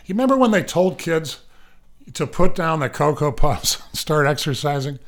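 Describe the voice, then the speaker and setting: A man's voice: a little high, expressive, moderate pace. Rambling, wisecracking male radio host. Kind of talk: casual news commentary. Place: radio studio.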